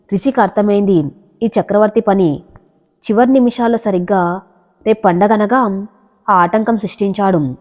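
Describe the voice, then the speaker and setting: Woman narrating a dramatic story, mellow dark tone, lots of reverb. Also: mid-range voice. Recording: long echoey reverb.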